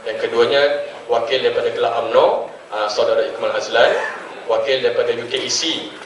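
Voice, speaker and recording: A man's voice: mid-range voice, steady tone, a little fast, distant mic, slight background noise. A young man from Penang with a Penang Malay accent moderating a student forum, hesitant with many fillers and light jokes. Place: large echoing hall. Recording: echoey hall, voice from afar.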